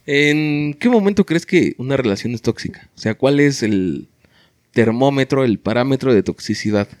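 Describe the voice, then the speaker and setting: A man asks the guest interview questions in a curious, probing way. His pitch sits in the middle of the range, and the recording is close and dry. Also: lively intonation, normal speed, darkish tone, no room sound.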